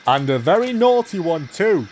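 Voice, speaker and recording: A man voicing a stern, portly male railway boss in a storybook, measured and firm. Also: fairly high pitch, big pitch swings, a little mellow, slight background noise, voice pushed up.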